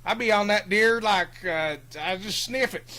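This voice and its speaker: A man's voice: high voice, a little slow, pushed and bright. A man playing a boastful, rambling hillbilly who hosts a sports call-in show, with a folksy drawl. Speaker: host. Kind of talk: comic character bit on a live stream.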